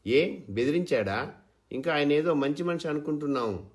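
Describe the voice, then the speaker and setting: A man's voice: on the high side, expressive, normal speed, voice pushed up. A man voicing an anxious young village wife who asks worried, pressing questions.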